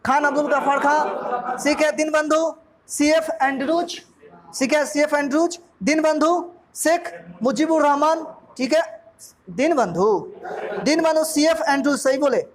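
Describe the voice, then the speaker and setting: Speaking at a measured pace in a very high-pitched voice, a Bihari-accented teacher from Bihar, India, leads a jokey quiz revision for his coaching class. Students fill the room, and the recording is noisy and crowded.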